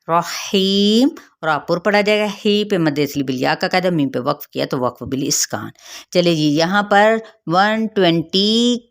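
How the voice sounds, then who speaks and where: A woman teaching a Quran recitation lesson, explaining each rule step by step, checking that listeners follow and slowly chanting the verses. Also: low voice. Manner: slow drawn-out chanting of verses. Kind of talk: tajweed lesson.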